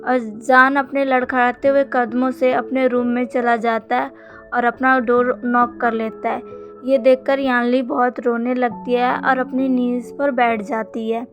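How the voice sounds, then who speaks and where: A woman narrating a fan-fiction story in a steady, plain retelling. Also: fairly high pitch, a little slow. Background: faint music.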